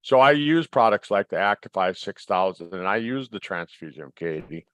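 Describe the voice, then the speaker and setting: A man's voice: lowish voice, animated, normal speed, a bit bright, clean tone, no echo. A man co-hosting a wellness webinar from home, talking in a casual, emphatic, rambling way that often repeats words. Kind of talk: casual chat.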